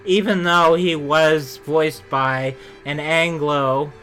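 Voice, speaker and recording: Bright-voiced chatty male podcast host. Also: fairly high pitch, fairly even intonation, takes it slowly. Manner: chatty, rambling, self-correcting. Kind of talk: casual chat about theme park attractions.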